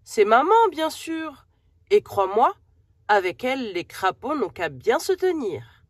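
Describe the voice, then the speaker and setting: Woman doing a chirpy young frog girl, high-pitched. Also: very animated, slow pace, no room sound, studio quality, exaggerated voice. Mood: confident. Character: friendly, confident young female frog.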